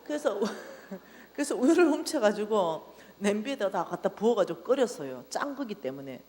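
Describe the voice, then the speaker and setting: Animated woman preaching in a reverberant church. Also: mid-range voice, normal speed. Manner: animated storytelling, acting out her own past outbursts. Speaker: revival speaker. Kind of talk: sermon testimony. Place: church hall. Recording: church hall reverb with mains hum.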